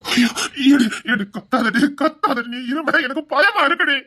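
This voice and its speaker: A woman's voice: sits high, expressive, moderate pace, a bit bright, a little hiss or hum. A woman voicing a proud, ambitious businessman who is also a husband and father, in an audio drama. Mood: pleading. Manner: boastful, later pleading and anxious.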